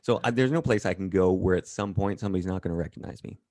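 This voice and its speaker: A man talking as an interview guest, blunt and profane, telling animated stories in a casual chat. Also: deep voice, fast talker, dry recording.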